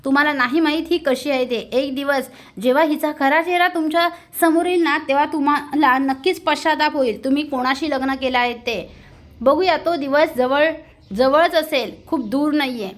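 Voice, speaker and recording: A woman's voice: high-pitched, moderate pace, natural voice. Woman reading as a stern young wife. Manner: stern, lecturing. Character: firm young married woman, protective of her home.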